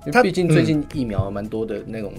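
A man's voice: lowish voice, expressive, fast, darkish tone. A man with a Taiwanese accent hosts a casual podcast chat, speaking colloquially and putting in short interjections. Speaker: podcast host. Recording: music playing under the talk.

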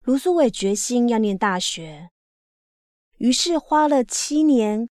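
A woman reading a life story aloud as scripted narration, in a steady, even storytelling manner. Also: a little high, takes it slowly, dry recording, clean studio sound. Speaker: reader.

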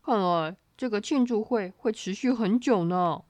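A gentle, unhurried father rabbit from a storybook, as a woman lowers her voice to play him. He sounds calm and reassuring, in a dry, close reading. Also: no room sound, close to an everyday voice.

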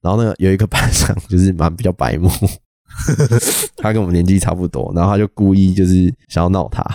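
A young man with a Taiwanese Mandarin accent, hosting a podcast and rambling through army stories in a casual, animated way. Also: deep voice, a little fast, dry recording, clean studio sound. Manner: rambling, animated, mimics shouting officers. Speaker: podcast host. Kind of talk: casual storytelling chat.

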